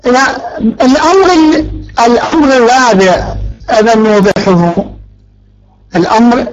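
A man's voice: extremely high pitch, measured pace, muffled recording. A male teacher giving a grammar lecture, stretching out key words and quizzing his students. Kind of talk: Arabic morphology lecture.

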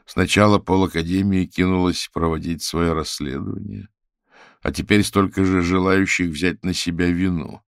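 Calm investigator, measured and authoritative; male reader, very low, gravelly voice. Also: dry recording, clean studio sound. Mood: dry. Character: composed middle-aged male investigator. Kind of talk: audiobook character reading.

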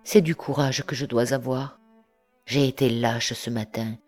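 A woman's voice: a bass voice, steady tone, measured pace, a little mellow, faint music behind. A woman reading an audiobook, voicing an anguished, upright young man who pleads earnestly. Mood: remorseful.

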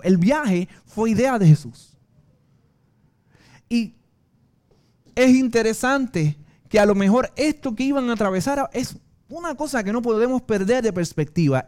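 Puerto Rican male pastor with a high voice, earnest sermon delivery mixed with personal stories. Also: a little mellow. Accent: Puerto Rican Spanish.

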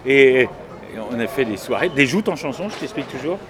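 A man, a singer-songwriter guest, talking in a casual radio conversation, animated, opinionated and a bit cynical. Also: mid-range voice, brisk. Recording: busy crowd noise behind.

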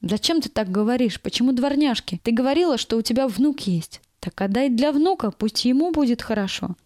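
A woman's voice: fairly high pitch, animated, a little fast, a little mellow, dry recording, clean studio sound, close to an everyday voice. A woman voicing an older kindergarten staffer who coaxes, reasons and scolds by turns. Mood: coaxing. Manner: coaxing, reasoning, chiding.

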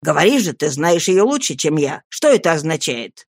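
A gruff, bullying thief speaks in a rough, low voice, as a woman reads his part. He is blunt and menacing, heard close and dry in an audiobook. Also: very animated, normal speed, dry recording, full character voice. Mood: grumbling.

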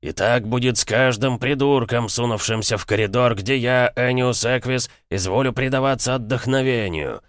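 A man's voice: mid-range voice, normal speed, hardly any pauses, no room sound, studio quality, voice pushed up, natural voice. A male narrator voicing a pompous, grumpy male warrior who barks his lines in a haughty way. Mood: haughty threat. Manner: haughty, barking.

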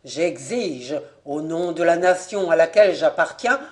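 A proud middle-aged French aviator protests his arrest, voiced by an audiobook reader. His voice sits a little lower and louder than the narration, firm and declaiming. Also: animated, unhurried. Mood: indignant. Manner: forceful, declaiming.

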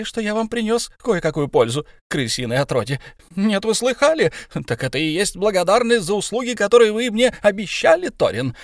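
Man doing a squeaky, fussy hobbit. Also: no echo, studio quality. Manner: fluttering, aggrieved and ironic. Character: high-pitched fussy hobbit man, timid yet sly.

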